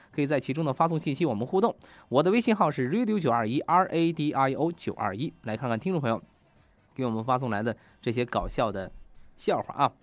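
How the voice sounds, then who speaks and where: A man's voice: fairly high pitch, no room sound. A man hosts a comic radio show, reading jokes and laughing at his own punchlines. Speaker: radio host.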